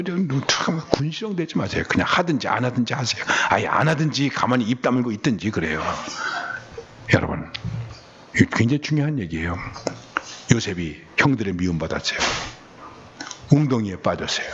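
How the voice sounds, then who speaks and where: A man preaching a revival sermon in a church, lively and playful, acting out voices and bantering with the congregation. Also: fairly low pitch, dull audio, noisy background. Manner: lively, acts out voices of brothers and village kids, banters with congregation. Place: church sanctuary.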